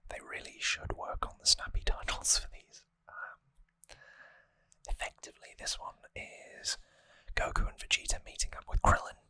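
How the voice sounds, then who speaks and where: An ASMR host whispers soft and breathy near the microphone, drifting through a leisurely, rambling recap with a few gently wry asides.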